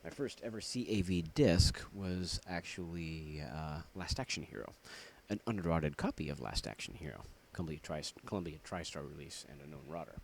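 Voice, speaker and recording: A man's voice: sits low, lively intonation, normal speed, vocal fry, few pauses, a little hiss or hum. A man casually showing off his laserdisc collection, jokey and rambling, with puns and asides. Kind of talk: casual show-and-tell vlog.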